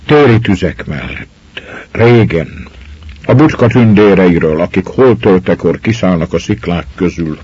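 A man with a husky voice reading a folk tale aloud in a measured, expressive way. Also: deep voice, no room sound. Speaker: storyteller. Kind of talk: scripted story narration. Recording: muffled lo-fi recording.

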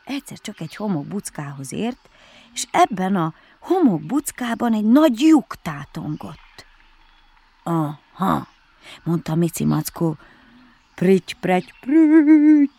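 A woman reading a children's story aloud with lively, expressive narration. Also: on the low side, creaky, husky, no echo.

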